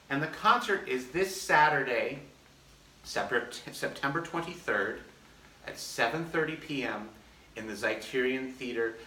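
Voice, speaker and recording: A man's voice: medium pitch, sharp tone, a little hiss or hum. Man explaining practice methods in an echoey room. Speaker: orchestra concertmaster. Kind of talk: casual practice demonstration. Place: practice room, filmed on a phone. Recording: echoey room, mic at a distance.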